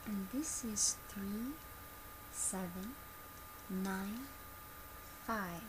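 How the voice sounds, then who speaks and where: A young woman in her twenties, playing a customer service presenter for ASMR, demonstrates a product in a soft, quiet, gentle and instructional manner, speaking very slowly in a mid-range voice. The setting is a small indoor bedroom at home, captured on a noisy amateur webcam with clear background noise.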